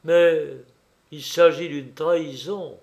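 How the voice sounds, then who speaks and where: A man's voice: a little high, fairly even intonation, slow, gravelly, a little mellow. A man reading a storybook aloud, voicing a brave, upright young miller's son who speaks firmly and earnestly. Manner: firm, earnest, sometimes lamenting.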